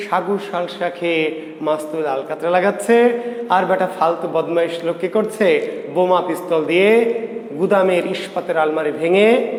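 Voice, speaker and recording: A man teaching a lesson, drilling students with questions and answering them himself in an animated way. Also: high-pitched. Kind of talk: spoken mnemonic lesson. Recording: echoey room with faint ambience.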